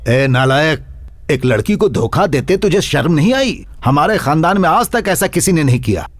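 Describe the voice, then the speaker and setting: An actor dubbing a gruff, scolding old grandfather who heads the family, in a film dub. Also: fairly high pitch, very animated, moderate pace, dry recording. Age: older. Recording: faint film music behind.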